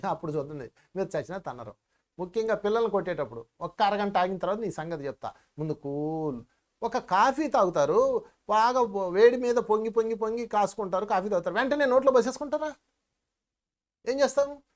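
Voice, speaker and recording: A man teaching meditation in a spiritual discourse, telling stories with lively emphasis and addressing listeners as friends. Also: high-pitched.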